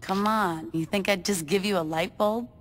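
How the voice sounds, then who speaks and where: A woman's voice: mid-range voice, normal speed, natural voice. A woman playing a wisecracking, laid-back young gang lieutenant in a video game, casual and flippant. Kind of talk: video game cutscene acting.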